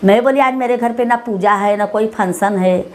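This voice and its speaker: A woman's voice: medium pitch, moderate pace, slight background noise. A middle-aged woman with a Bhojpuri-tinged Hindi accent gives an interview as the mother of the deceased. She rambles and repeats herself, and she acts out what others said to her. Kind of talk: emotional testimony interview.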